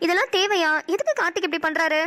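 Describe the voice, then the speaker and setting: Lady doing a bossy young cartoon friend, real high voice, rattles it off fast. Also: animated, fairly bright tone. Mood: scolding. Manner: scolding, then soothing.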